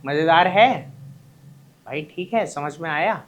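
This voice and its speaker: The recording is muffled, but it carries a man's fairly high, fairly bright voice at an unhurried pace. He's a teacher lecturing his class, asking brief questions he answers himself and lovingly calling the students his children.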